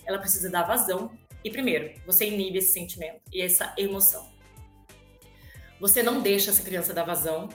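A woman's voice: mid-range voice, fairly quick, reverberant, soft background music. A woman with a Brazilian Portuguese accent, a parental educator chatting animatedly as a guest and acting out little quoted scenes. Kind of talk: casual chat.

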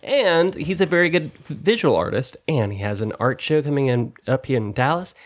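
A man co-hosting a podcast in casual chat, animated and profane, laughing often. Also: a little high, brisk. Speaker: podcast co-host.

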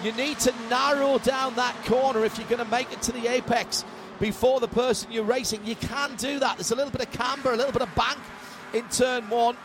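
A man's voice: very high-pitched, fairly even intonation, brisk. A man working as a motorsport commentator, calling a live race in vivid play-by-play with wry humour. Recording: trackside broadcast with loud engine noise. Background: racing cars and trackside ambience.

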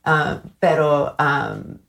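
Woman from Texas, interview guest, hesitant with fillers, mixes in English, slow, low voice. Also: vocal fry, fairly bright tone, slight background noise. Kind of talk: casual interview chat.

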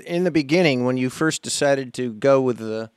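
Male co-host, average pitch, dry recording, casual conversational interviewing. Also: moderate pace, darkish tone, clear, resonant tone, no echo.

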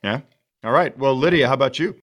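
A man's voice: mid-range voice, fast talker, a bit bright. A middle-aged man hosting a podcast, joking and laughing often in casual chat. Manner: jokey, upbeat, laughs often. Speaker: podcast host.

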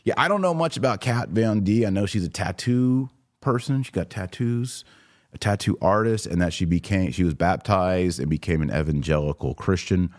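This forties-aged American podcaster chats with his listeners as he responds to their comments, his low voice full of lively intonation at a normal speed. The sound is dry and clean, like a studio.

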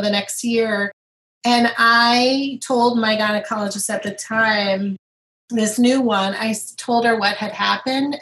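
This interview guest, a middle-aged woman with a fairly high voice, candidly recounts her recovery experiences. She's earnest throughout and voices the people in her stories with lively quotes, though the audio is poor.

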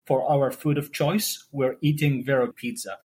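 A man's voice: mid-range voice, fairly even intonation, moderate pace, a little mellow, breathy edge. A man from Saudi Arabia, a cardiology fellow, giving a polite, formal self-introduction as a podcast guest.

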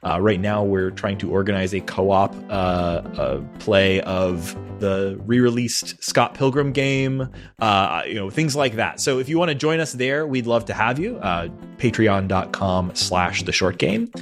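Chatty low-voiced male podcast host. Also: expressive, measured pace, soft background music. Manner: chatty, fills with "uh" and "like". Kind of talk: casual podcast chat.

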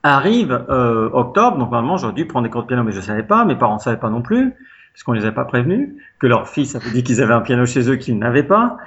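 A man from France tells a long childhood story as an interview guest, rambling warmly with plenty of fillers and restarts. His pitch sits in an ordinary middle range. The recording sounds a little dull and lo-fi. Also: fast talker. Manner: chatty, animated anecdotes with many fillers. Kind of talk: casual storytelling.

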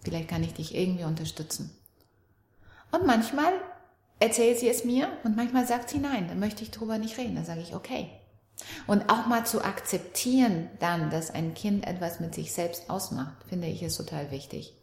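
A middle-aged woman speaks in a calm, reflective way, growing lively whenever she acts out her daughter's words. Her voice is mid-pitched. The room gives it a roomy echo. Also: moderate pace. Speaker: guest, parenting and relationship coach. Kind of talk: conversational interview.

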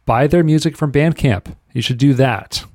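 Man, podcast co-host, mid pitch, relaxed, dry close mic. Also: moderate pace, dry recording. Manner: laid-back, short agreeing replies. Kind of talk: casual chat.

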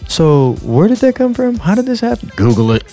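A man's voice: high-pitched, very animated, brisk, mellow. A thirty-year-old man, a music producer guest on a podcast, talking in a laid-back, rambling way and swearing freely. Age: 30s. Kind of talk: casual podcast chat.

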